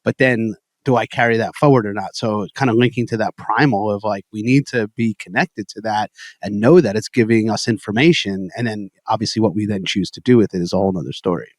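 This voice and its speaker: A man from New York co-hosts a podcast in a relaxed, conversational way. His voice is fairly low and the recording is dry and close, and he often tags his points with "right?" and "you know". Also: fairly quick, dry recording. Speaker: podcast co-host, men's work coach. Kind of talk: casual conversation.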